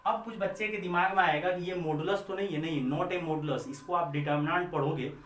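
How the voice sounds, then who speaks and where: A man's voice: high-pitched, fast, a bit bright. A man with an Indian accent teaching a maths class, who repeats his points, asks and answers his own questions, and calls his students children. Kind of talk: classroom lecture. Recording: echoey room, mic far off.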